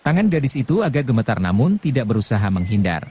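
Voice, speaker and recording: A man narrating a martial arts novel as an audiobook, in a steady, calm storytelling manner. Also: mid-range voice, fast, husky.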